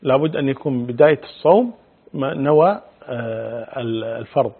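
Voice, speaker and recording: A middle-aged male Islamic scholar answering religious questions in a measured, explanatory way, quoting hadith. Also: medium pitch, breathy edge. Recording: phone-like narrow band.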